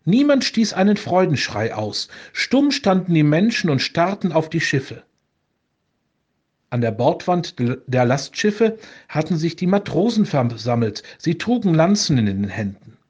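A pastor reading a saint's legend aloud for a radio show, calm and measured. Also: male voice, fairly high pitch.

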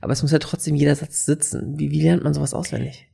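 A man's voice: fairly high pitch, little pitch movement, fast talker, gravelly, warm tone, husky. A man hosting a podcast, asking hesitant, searching questions in casual talk. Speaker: podcast host.

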